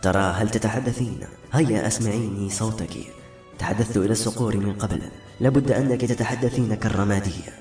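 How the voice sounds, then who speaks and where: A gentle young warrior speaks tenderly and sweetly, voiced by a male narrator. The sound is roomy, with faint music under the storybook reading. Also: lowish voice, fast talker, natural voice.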